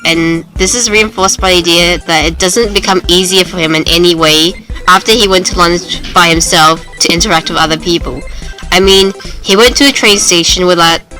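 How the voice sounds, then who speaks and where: A woman's voice: fairly low pitch, steady tone, brisk, bright, forceful tone, faint music behind, rough recording. A young woman arguing her points in an informal book debate, reasoning through examples. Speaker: student debater.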